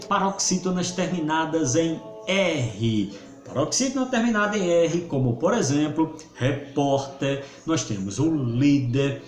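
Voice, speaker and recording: A male Portuguese teacher, giving a video grammar lesson and stretching syllables to make his point. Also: on the high side. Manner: didactic, stretches syllables for emphasis. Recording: roomy echo.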